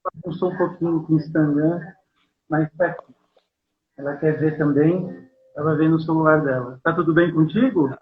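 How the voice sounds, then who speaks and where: A man's voice: on the high side, fairly even intonation, moderate pace. A man from São Paulo with a Paulistano accent, a poet being interviewed over a video call, speaking hesitantly with many fillers and tag questions. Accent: Paulistano Brazilian Portuguese. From São Paulo, Brazil. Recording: tinny phone-like call audio.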